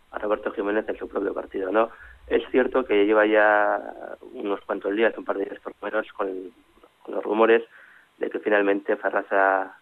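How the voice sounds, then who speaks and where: A man's voice: fairly low pitch, dry recording, narrow, tinny audio. A man commenting on politics on a radio panel, rambling with frequent restarts and fillers.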